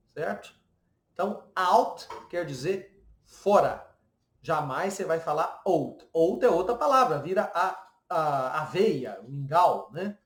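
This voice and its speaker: A man's voice: high-pitched, roomy sound. A Brazilian man with a Brazilian Portuguese accent teaching English pronunciation, explaining patiently and often checking in with the listener. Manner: explains patiently with frequent "né?" and "ok?" tags. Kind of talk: pronunciation lesson.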